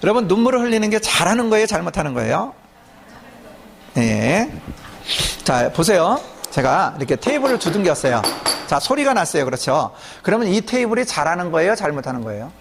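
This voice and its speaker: A man's voice: sits high, very animated, brisk, creaky, husky. A man preaching a sermon as a pastor, often asking his congregation questions and then answering them himself.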